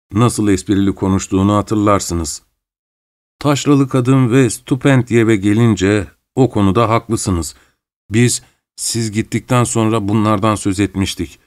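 A man reading an audiobook, voicing a fawning middle-aged widower who speaks in a shrill, affected, theatrical way. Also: a little slow, a little mellow, lightly acted. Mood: hurried. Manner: gushing, theatrical, overly familiar.

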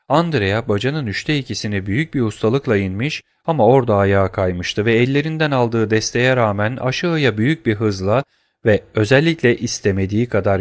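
A man narrating an audiobook in a steady, measured reading voice on a close mic. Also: on the low side. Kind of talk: scripted narration.

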